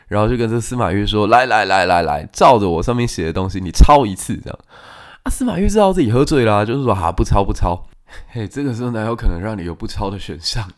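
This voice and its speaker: Male history storyteller, Taiwanese Mandarin accent, lowish voice, animated delivery that acts out the people in the story. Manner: animated, acts out quoted historical figures with sudden pitch jumps. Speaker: history podcast host. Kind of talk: lively storytelling commentary.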